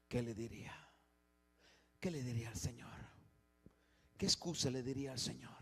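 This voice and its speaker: A pastor preaches in church with a mid-range, slightly rough voice at a moderate pace. Quiet, hushed passages give way to loud, emphatic ones, and he frequently repeats and restarts what he's saying.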